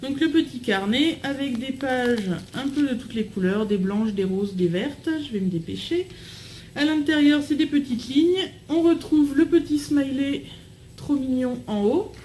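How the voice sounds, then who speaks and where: Young woman, bubbly casual vlog chat, fairly high voice, lots of fillers, echoey room. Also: a little slow, a little mellow, slight background noise. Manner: chatty, bubbly, trails off into fillers. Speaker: vlogger unboxing a swap package.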